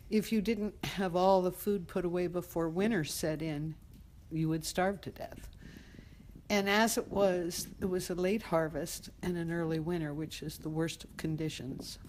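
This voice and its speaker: A woman recounts a folk tale from memory in a relaxed oral storytelling manner. She repeats words for rhythm and tells it unhurriedly. Her voice sits a bit low for a woman. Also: slight background noise. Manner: repetitive, unhurried telling. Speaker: storyteller, interviewee.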